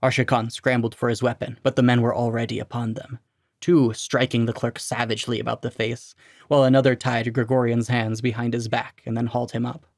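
A man reads a short story aloud in a steady, even delivery at a middling pitch for a man. His voice has a gravelly, fry-edged texture, and the sound is dry and close, with almost no room in it. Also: fairly quick, no room sound. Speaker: narrator, story reader. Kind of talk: scripted narration of a short story.

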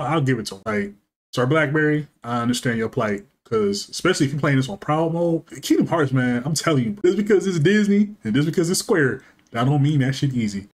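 Animated man doing slangy reaction commentary. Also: medium pitch, fast talker. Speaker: host of a gaming reaction show. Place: small room at home. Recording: noisy home recording with clicks.

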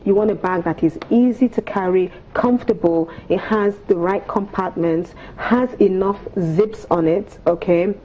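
A Nigerian etiquette coach in her thirties, visiting a TV morning show's sofa set, explains things with prim, careful, instructive enunciation. Her mid-range voice is dark in tone and moves at a moderate pace with few pauses; the sound has its highs cut off and slight background noise.

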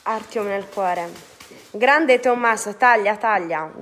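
A woman's voice: medium pitch, takes it slowly, a bit bright. A woman casually chatting on a live stream from a salon, reading out viewers' comments as the host's helper. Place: indoor hair salon.

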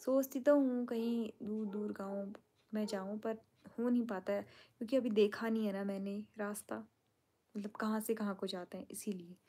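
Soft gravelly-voiced woman. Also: mid-range voice, steady tone, moderate pace. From Champawat, Uttarakhand, India. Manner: soft-spoken, often drops to a whisper, chatty. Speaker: vlogger hosting a live stream. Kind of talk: late-night live stream, reading and answering chat. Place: outdoors in a hill area at night.

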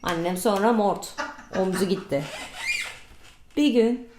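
A woman's voice: mid-range voice, takes it slowly, noisy background. A woman telling funny childhood stories in a casual vlog, chatty and crude, laughing often. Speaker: vlogger. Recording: roomy echo.

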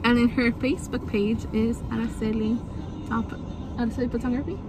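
A young woman chats casually to the camera, cursing now and then and dropping Spanish phrases into her English. Her voice sits fairly high. Steady traffic and street noise run behind her outdoors. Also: brisk. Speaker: vlogger. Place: outdoors after a photoshoot. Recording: noisy outdoor ambience with traffic.

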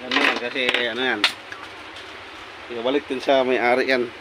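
A man's voice: mid-range voice, flat delivery, moderate pace, very noisy. A repair technician talking casually through fixing a pressure washer pump at his workbench, pointing out parts in short remarks. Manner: talks while working, many short pointing remarks. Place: workshop bench.

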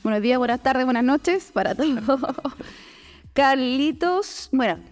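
A Chilean woman in her forties, a journalist hosting a relaxed studio interview, talking in a friendly way with frequent laughs and fillers into a boom mic. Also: measured pace. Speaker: podcast host, journalist. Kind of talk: casual conversational interview. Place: podcast studio office, indoors.

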